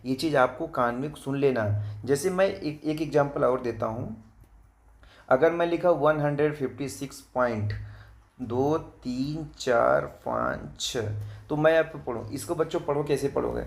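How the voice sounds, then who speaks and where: Gravelly male math teacher. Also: on the high side. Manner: patient, repeats points and asks if it is understood; reads digits slowly one by one. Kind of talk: classroom lesson to children.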